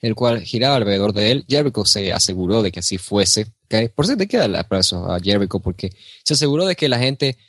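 A man's voice: fairly low pitch, animated, quick pace, a bit bright, no room sound, studio quality. A man co-hosting a casual podcast, chatty and joking, often speaking to the listeners. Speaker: podcast co-host. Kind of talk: casual wrestling podcast chat.

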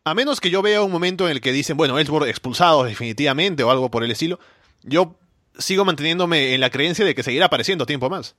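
A man with a bright, forceful voice talks casually as a podcast panelist. He gets animated and thinks aloud, with plenty of fillers. The sound is close and dry. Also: a little high, quick pace, dry recording. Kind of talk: casual wrestling podcast chat.

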